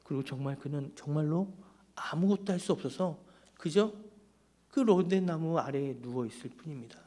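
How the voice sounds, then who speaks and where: Impassioned pastor with a raised voice. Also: male voice, fairly high pitch, expressive, normal speed. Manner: impassioned preaching that drops to hushed, near-whispered passages. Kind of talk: Friday prayer meeting sermon. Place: church.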